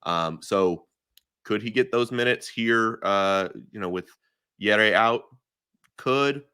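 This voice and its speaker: Bright, emphatic man on a podcast. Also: fairly low pitch, slow pace, smooth, dry recording, clean studio sound. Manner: emphatic, opinionated, with frequent restarts. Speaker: guest analyst. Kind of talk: casual podcast chat.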